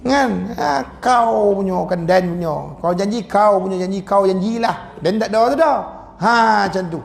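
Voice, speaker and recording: A man with a Malaysian accent giving a lively mosque lecture as a religious teacher, joking and acting out voices. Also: sits high, normal speed, vocal fry. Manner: animated, jokey, acts out voices.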